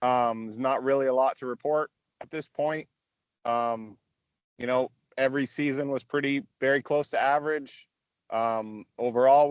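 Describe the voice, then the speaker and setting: A man's voice: mid-range voice, clean tone, no room sound, highs cut off. Man calling in from a car. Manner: relaxed, many ums and uhs. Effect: joining a group call remotely, connection breaking up. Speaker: deer biologist. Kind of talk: casual report at a board meeting. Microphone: phone or laptop on a video call.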